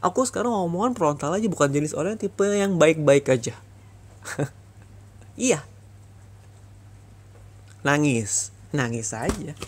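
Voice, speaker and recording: A man's voice: on the high side, expressive, measured pace, long pauses. A young man voicing a bitter boyfriend in an ASMR boyfriend role-play, scolding his toxic ex over and over in a heated voice. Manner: heated, reproachful, repetitive scolding.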